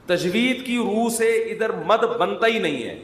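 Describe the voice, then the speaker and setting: A man's voice: sits high, lively intonation, a bit bright. Man, religious scholar, conversational sermon, humorous, roomy echo, long hall reverb. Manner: humorous, imitates drawn-out calls to prayer. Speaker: Islamic scholar. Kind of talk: conversational Urdu religious talk. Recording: echoey hall, faint ambience.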